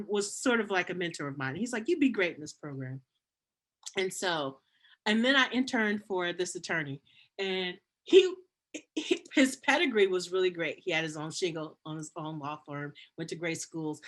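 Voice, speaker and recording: A middle-aged woman, a university dean, telling stories in a casual interview, animated and acting out the voices she quotes. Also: lowish voice. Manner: animated, acts out quoted voices, frequent restarts.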